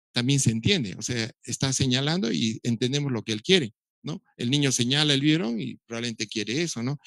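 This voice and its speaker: A man's voice: medium pitch, a bit bright, no echo. A middle-aged man, giving a recorded lecture on how children learn to speak, explaining step by step with touches of dry humor. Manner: explanatory, imitates baby sounds, dry humor. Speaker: doctor lecturing on child development.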